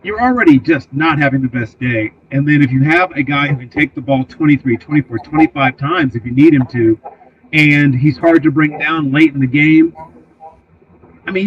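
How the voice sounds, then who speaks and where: A man's voice: mid-range voice, slight background noise. Muffled-sounding man in sports chat. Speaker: podcast panelist. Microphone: remote call mic. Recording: muffled lo-fi remote mic.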